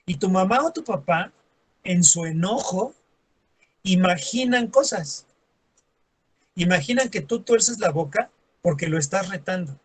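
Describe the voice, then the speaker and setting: Man, high voice, teacher, lecture, sarcastic asides. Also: animated, unhurried, pauses often, slightly rough. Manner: acts out everyday scenes in quoted voices. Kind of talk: classroom lecture.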